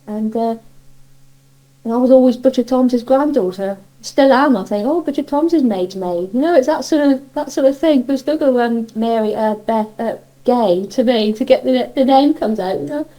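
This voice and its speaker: An older Cornish woman from Cornwall, England, interviewed about her childhood, reminisces casually in a chatty, rambling, nostalgic way. Her voice sits on the high side, warm and at normal speed, on a rough recording.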